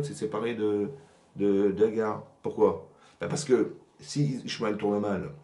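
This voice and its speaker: Fast-talking gravelly rabbi teaching. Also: male voice, lowish voice, roomy sound. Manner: animated, asks "vous avez compris?" often. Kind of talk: religious lesson to women. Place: rented workshop room.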